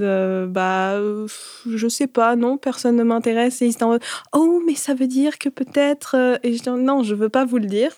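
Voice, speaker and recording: A woman's voice: mid-range voice, darkish tone, dry recording, clean studio sound. Chatty woman telling her story. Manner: chatty and informal, full of fillers and slangy asides. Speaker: interviewee. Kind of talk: casual personal testimony.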